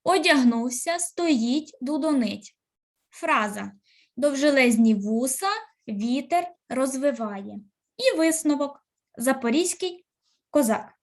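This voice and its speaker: A woman teacher, giving a recorded literature lesson with slow, clear instructions and pauses. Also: high-pitched, expressive.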